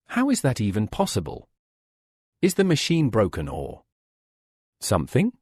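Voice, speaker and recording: A man narrating a comic recap in an animated storytelling manner. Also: medium pitch, normal speed, slightly rough, no echo, clean studio sound. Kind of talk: scripted narration.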